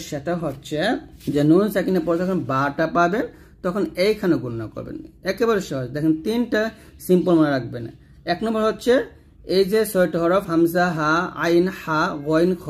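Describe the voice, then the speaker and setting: A man teaching Quran recitation rules, explaining patiently step by step and slowly chanting the example words in between. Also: on the high side, darkish tone. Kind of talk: tajweed lesson with recited examples.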